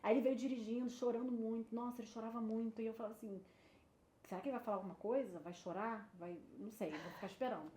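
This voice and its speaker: A woman in her thirties, appearing as a guest, animatedly tells a personal story in casual chat, acting out the people she quotes. She talks fast with a slightly high, fairly even, dark-toned voice, recorded in an echoey room with faint noise.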